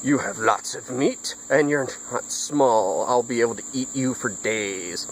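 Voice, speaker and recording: A man voicing a dim-witted, hungry male troll who lives under a bridge, speaking in slow, simple threats. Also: medium pitch, slight background noise, natural voice, rough recording. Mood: greedy.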